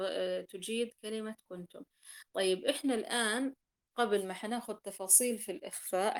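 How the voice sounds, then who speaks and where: Patient woman teaching Quran recitation. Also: medium pitch. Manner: patient, repeats key points and sounds out examples. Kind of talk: explanatory class lesson.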